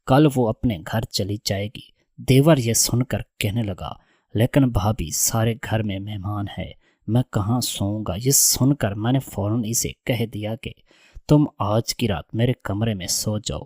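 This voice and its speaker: A man reads a first-person story aloud at a steady, even pace. His voice sits on the low side. The recording is dry and close, with no room sound. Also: dry recording.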